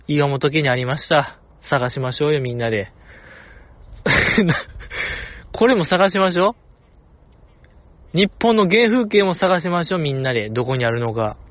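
A man with a Kansai accent talks casually as a radio host, chatty and fond of teasing asides. His voice sits a little high. The sound is muffled and lo-fi. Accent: Kansai Japanese. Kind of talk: casual solo radio talk.

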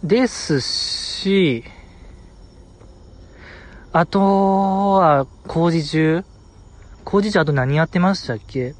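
A young man with a Kansai accent chatting casually as a podcast host, animated and laughing, acting out quotes in a high voice. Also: very slow, pauses often. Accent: Kansai Japanese. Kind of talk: solo casual chat about a variety show.

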